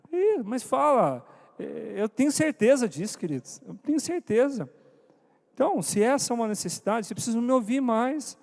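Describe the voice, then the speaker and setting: High-voiced man preaching in a reverberant hall. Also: darkish tone. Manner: engages the audience, asking questions and calling on people by name. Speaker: speaker at a church couples' meeting. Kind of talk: interactive church talk to couples.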